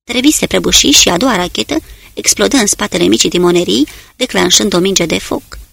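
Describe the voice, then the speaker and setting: A narrator reading a war novel aloud in a steady storytelling delivery. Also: mid-range voice, creaky, no echo. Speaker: audiobook narrator. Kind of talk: dramatic audiobook narration.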